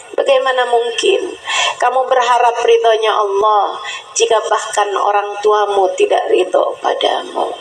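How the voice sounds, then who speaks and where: A woman Islamic preacher giving an earnest, exhorting sermon. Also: high-pitched. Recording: echoey with faint music.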